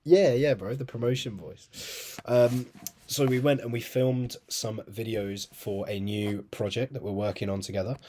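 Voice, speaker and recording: A man's voice: medium pitch, fairly even intonation, normal speed, mellow, slight background noise. A young man co-hosting a podcast, chatting casually and telling stories with plenty of laughs. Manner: laid-back, laughing storyteller. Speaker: podcast co-host. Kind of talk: casual chat.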